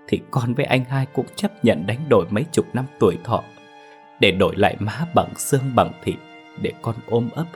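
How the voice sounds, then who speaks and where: This is a grown daughter in a storybook ghost tale, tearful and pleading, her voice raised above the storyteller's usual low tone, as a man voices her. Faint music runs underneath. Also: natural voice.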